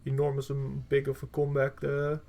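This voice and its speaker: Blunt, gravelly male game coach. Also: medium pitch, completely flat delivery, moderate pace, dark tone. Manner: blunt and profane, with frequent fillers. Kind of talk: gameplay review commentary.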